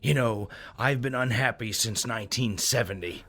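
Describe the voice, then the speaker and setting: An actor playing an ancient, brooding horseman of war with a gravelly, raspy voice and an aggrieved, dramatic manner in an audio comedy. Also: mid-range voice, moderate pace, a bit bright. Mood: bitter, wounded. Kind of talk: comedic audio fiction interview.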